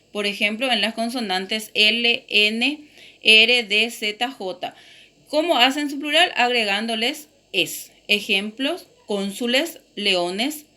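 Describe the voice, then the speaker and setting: A woman teacher giving a grammar lesson, reading out example words one at a time and explaining each rule deliberately. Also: on the high side, pushed and bright.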